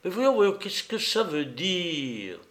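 A man voicing a furious, imperious nobleman, exclaiming loudly in an audiobook reading. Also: high voice, big pitch swings, slow pace, voice pushed up, full character voice. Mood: alarmed, angry. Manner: shouting, exclaiming in anger.

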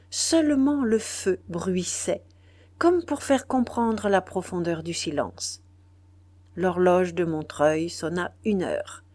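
A woman narrating a classic novel as an audiobook, in a measured, unhurried storytelling manner. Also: mid-range voice, a little mellow, no echo.

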